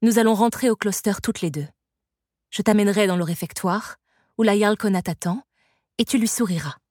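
A woman voicing a stern, sorrowful sorceress who cares for an orphan girl, speaking calmly and firmly in an audiobook. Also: mid-range voice, fairly quick, no echo, clean studio sound, close to an everyday voice. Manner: calm, firm, soft-spoken. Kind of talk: audiobook reading.

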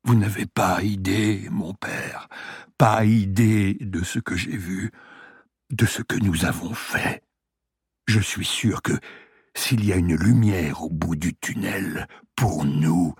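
A man reading aloud, voicing a haunted, dying old man in a hospital bed who speaks in a weak, hushed, breathy way. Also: deep voice, slow, no room sound, studio quality, heavily acted.

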